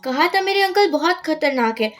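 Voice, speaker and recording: A woman's voice: sits high, expressive, moderate pace, a bit bright, soft background music. A woman doing a fretful young friend. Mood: worried. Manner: worried, warning.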